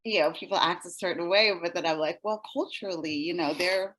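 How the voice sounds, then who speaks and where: A woman with a low-pitched yet bright, forceful voice speaks as a podcast guest. She tells her story in a loose, rambling way, full of "like" and "you know" fillers. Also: fairly quick, slight background noise, low-quality recording. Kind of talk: casual storytelling interview.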